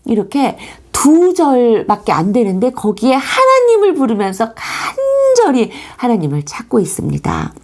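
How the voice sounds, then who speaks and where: A woman Sunday school teacher giving a children's devotional Bible lesson, telling the story in an animated way. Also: on the high side, a little slow, few pauses. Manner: animated storytelling, acting out anguished cries.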